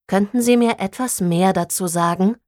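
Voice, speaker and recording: A woman voicing a female detective agency owner who speaks in a polite, measured, businesslike way in a storybook reading. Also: mid-range voice, darkish tone, no room sound, studio quality, natural voice.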